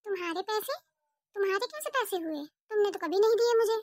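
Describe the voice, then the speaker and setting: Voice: extremely high pitch, animated, brisk, no room sound. A performer voicing an exasperated adult housewife in a cartoon, grumbling and complaining about money she has lent. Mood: indignant. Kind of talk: cartoon voice acting.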